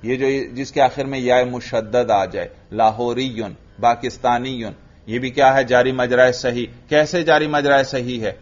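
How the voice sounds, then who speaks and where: A man's voice: mid-range voice, fairly even intonation. Man teaching grammar, questioning the class. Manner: asks the class questions and answers them himself, repeats key terms slowly. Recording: dull lo-fi recording.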